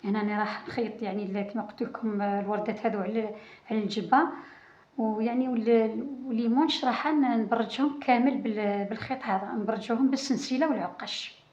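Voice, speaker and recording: Fast-talking Algerian woman teaching crochet. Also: on the high side, fairly even intonation, a little mellow. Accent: Algerian Arabic. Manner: talks while working, many restarts and counting. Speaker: crochet channel host. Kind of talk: casual crochet tutorial. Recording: roomy, dull lo-fi sound.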